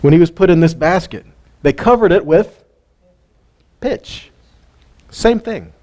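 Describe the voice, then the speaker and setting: His high-pitched voice is animated yet a little slow, with a dark tone. This man teaches a live group at his weekly Torah study, giving an informal, conversational Bible lesson where he questions listeners and chuckles between points.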